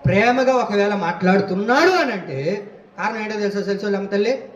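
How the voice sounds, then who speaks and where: High-voiced pastor preaching in an echoey hall. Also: male voice, lively intonation, a little fast, highs cut off, slight background noise. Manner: emphatic, repetitive, addresses the congregation directly. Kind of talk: sermon. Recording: echoey hall, distant mic.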